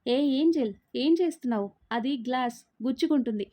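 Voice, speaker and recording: A woman's voice: high-pitched, a little fast, dark tone, natural voice. A woman voicing a scheming young male villain in a spoken story, coaxing and placating.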